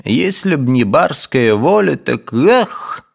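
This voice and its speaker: A whining, imploring manservant pleads in a high, strained voice that swoops wildly up and down, as a man puts him on. He sounds lovesick and anxious, in a storybook reading. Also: big pitch swings, slow pace, vocal fry, full character voice. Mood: pleading.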